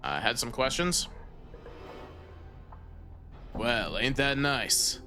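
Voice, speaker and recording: A man voicing a sarcastic, balding male flophouse keeper from a fantasy game, drawling his lines slowly. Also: mid-range voice, expressive, bright, forceful tone, faint music behind, heavily acted.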